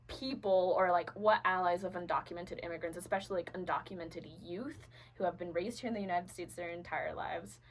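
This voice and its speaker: A woman's voice: on the low side, brisk, few pauses, a little hiss or hum, low-quality recording. A young adult woman from Venezuela, a podcast guest, telling her personal story earnestly with many fillers and restarts.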